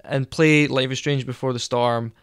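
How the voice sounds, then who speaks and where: A man with a smooth, clear voice chats loosely on a podcast, wandering through his points with plenty of ums and likes. The sound is dry and close, with no room around it. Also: medium pitch, fairly even intonation, normal speed, no room sound. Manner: rambling, hesitant, many fillers. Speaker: podcast co-host. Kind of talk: casual chat.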